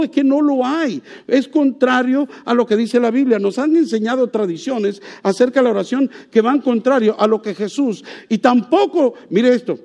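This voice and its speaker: Puerto Rican pastor with a high tenor voice, lively, talks straight to his congregation. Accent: Puerto Rican Spanish. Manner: animated, asks the congregation questions. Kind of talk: sermon.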